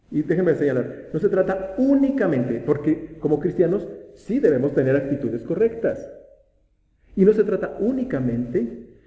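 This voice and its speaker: A man's voice: a little high, lo-fi sound. A man preaching a sermon as pastor in a church, asking rhetorical questions and often restarting his words. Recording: echoey room.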